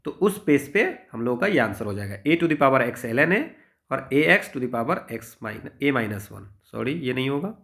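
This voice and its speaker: An Indian-accented maths tutor leads an informal exam-prep lesson, explaining problems step by step with frequent check-in tags for the listener. He has a mid-range, fairly bright voice that's creaky and very animated, and he speaks a little slowly.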